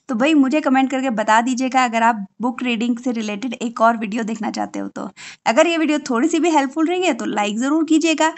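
A young woman in a home tutorial, chatting as she explains and slowly sounding out letter sounds. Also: fairly high pitch. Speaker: teacher and channel host.

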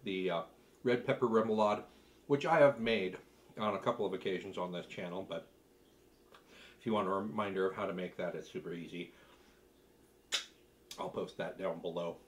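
A middle-aged cooking video host with a fairly low voice chats casually through a food tasting. He speaks haltingly and thoughtfully, often pausing between bites to find his words. It sounds like a home cook hosting at his own kitchen table.

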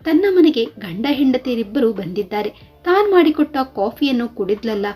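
A woman narrating a story in a steady storytelling manner. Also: fairly high pitch, moderate pace, slightly rough, faint music behind. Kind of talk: scripted narration.

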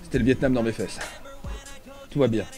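A man streaming a game with friends, excitable and loud, shouting, laughing and joking in mock outrage. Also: mid-range voice, fairly quick, faint music behind. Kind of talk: casual gaming stream chat.

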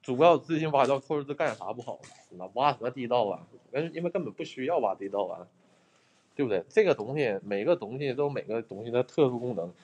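A man's voice: mid-range voice, lively intonation, fast talker, darkish tone, slightly rough, lo-fi sound. A man hosting a live stream as a ghost hunter in an abandoned building, chatting bluntly with viewers, swearing and thanking them for gifts. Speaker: livestreaming ghost hunter host.

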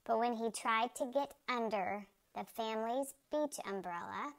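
A woman reading a children's picture book aloud, slowly and carefully, jumping high and loud for the characters' shouts.

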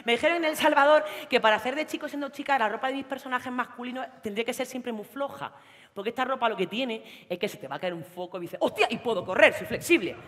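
A woman's voice: fairly high pitch, fast talker. Woman performer on a reverberant stage. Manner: lively, explanatory, wry. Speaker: actress and monologuist. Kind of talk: theatre monologue. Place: theatre stage.

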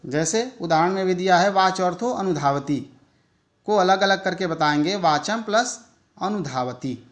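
A man giving a recorded e-learning lecture, explaining slowly and deliberately and speaking worked examples aloud. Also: sits high. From India. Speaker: teacher educator.

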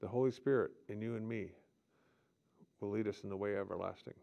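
A man preaching a sermon in short, halting phrases with frequent restarts. He often breaks into earnest prayers spoken aloud to God. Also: fairly low pitch, fairly even intonation, vocal fry, dull audio.

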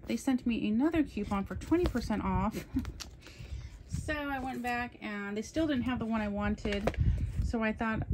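Flipping through her new purchases, a woman hosts a casual coloring book haul show-and-tell, chatty and enthusiastic. She speaks at a moderate pace in a fairly high pitch, with background noise audible.

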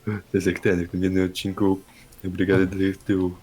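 A man's voice: low voice, completely flat delivery, normal speed, darkish tone. A young man bantering casually with a friend while gaming, joking crudely and swearing a lot. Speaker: gaming video co-host. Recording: faint background noise, keyboard clicking.

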